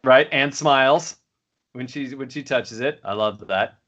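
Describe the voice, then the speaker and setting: Speaking at a measured pace, this podcast co-host has a medium-pitched, fairly bright voice and a muffled recording. His casual chat wanders, full of fillers and restarts.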